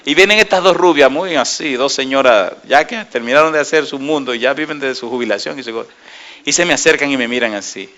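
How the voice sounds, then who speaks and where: Bright-voiced male preacher. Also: mid-range voice, a little fast. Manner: lively storytelling with questions to the audience. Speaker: pastor. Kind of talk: sermon.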